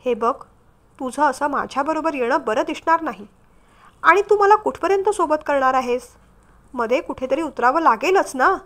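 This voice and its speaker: A hurt, unhappy young wife in a storybook reading, voiced by a woman narrator. She speaks in a restrained, subdued way, holding back her pain. The voice is high. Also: expressive, normal speed. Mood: quietly firm. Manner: subdued, then sharp and defensive.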